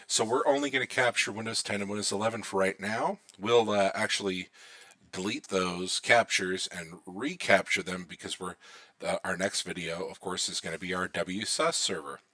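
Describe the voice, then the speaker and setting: Man, low bright voice, relaxed screen-recording tutor thinking aloud. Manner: relaxed, thinking aloud while watching installs. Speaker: IT instructor.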